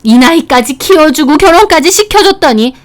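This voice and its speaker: A woman voicing a domineering middle-aged mother-in-law who scolds and shouts in a dramatized story reading. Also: high voice, animated, moderate pace, voice pushed up. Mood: scolding.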